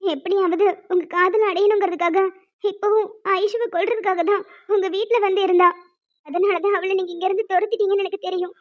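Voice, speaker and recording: A woman doing a high, pleading young woman. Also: steady tone, fairly quick. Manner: earnest, begging. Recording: dull lo-fi recording.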